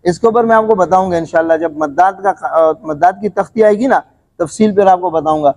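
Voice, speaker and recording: Guy teaching quran reading, kinda high voice, keeps asking "right?" and answering himself, coughs a bit, lots of reverb. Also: a little mellow. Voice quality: repetitive question-and-answer teaching, frequent filler phrases. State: occasional coughing and throat clearing. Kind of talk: classroom tajweed lesson.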